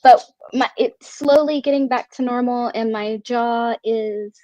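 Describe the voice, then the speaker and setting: A woman's voice: a little high, steady tone, measured pace, a little mellow, no room sound. A middle-aged woman chatting casually, articulating carefully, with slightly slurred speech and whistling S sounds as with missing teeth. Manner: careful articulation while relearning to talk. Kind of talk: casual chat. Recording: dull, lo-fi online audio.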